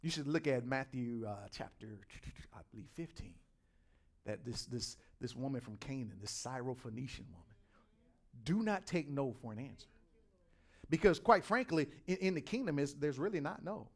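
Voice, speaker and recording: A middle-aged male pastor preaching a sermon, repeating words and swinging from quiet asides to loud, driving points. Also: mid-range voice, expressive, normal speed.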